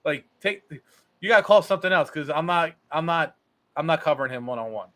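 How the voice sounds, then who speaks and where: Brief: male co-host, bright forceful voice, very lively pitch, animated sports banter. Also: brisk. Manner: animated, acts out players' lines, repeats words. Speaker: podcast co-host. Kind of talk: casual sports chat.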